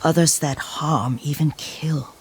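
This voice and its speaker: An actress voicing an elderly woman caretaker who is gentle and protective, speaking softly, often half-whispered and motherly, in video game dialogue. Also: low-pitched, fairly even intonation, slow pace. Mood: worried. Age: older. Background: game music.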